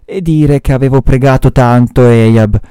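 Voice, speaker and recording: A man's voice: mid-range voice, normal speed, clean tone, no echo, pitched above the performer's own voice, lightly acted. A man voicing an alarmed first mate in a read-aloud story, crying out warnings. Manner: shouting in alarm.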